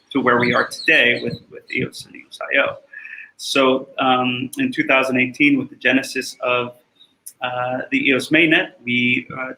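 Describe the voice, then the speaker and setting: A man from Costa Rica, a company co-founder, answering interview questions in a steady, explanatory way with frequent fillers and restarts. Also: medium pitch, poor audio. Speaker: guest, blockchain company co-founder.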